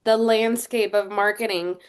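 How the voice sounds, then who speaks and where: A woman's voice: medium pitch, fairly even intonation, unhurried, clean tone. A woman who is a coach hosts a casual interview, talking in a friendly, loose way and rephrasing as she goes.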